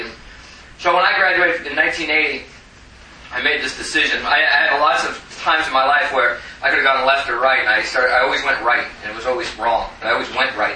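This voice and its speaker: Heard through a distant mic in a roomy space with faint hiss, a Tucson, Arizona man in his forties gives a personal recovery testimony at a meeting. He has a medium-pitched, bright, forceful voice and rambles in a self-mocking way, chuckling often.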